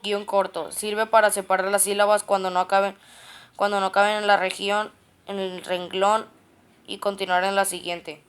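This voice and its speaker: Woman, clear smooth voice, reads grammar notes aloud term by term, stumbles and restarts often. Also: mid-range voice, level tone, normal speed. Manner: reads a list of terms and definitions, with frequent restarts on words.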